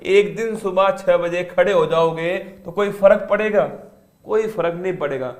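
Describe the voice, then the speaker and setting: A man's voice: sits high, moderate pace. A male exam-prep teacher closing an online class, coaxing and motivating his students like friends.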